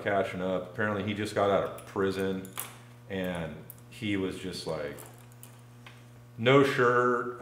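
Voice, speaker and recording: Rambling low-voiced man telling a story. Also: reverberant, slight background noise. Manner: rambling, full of "like" fillers. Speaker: podcast guest. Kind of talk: casual storytelling.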